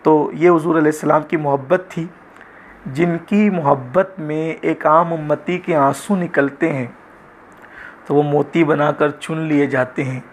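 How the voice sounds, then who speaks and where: A man's voice: on the high side, steady tone, slight background noise. Man giving a devotional talk. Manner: measured devotional storytelling with reverent honorifics. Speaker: religious speaker. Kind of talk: Islamic storytelling lecture.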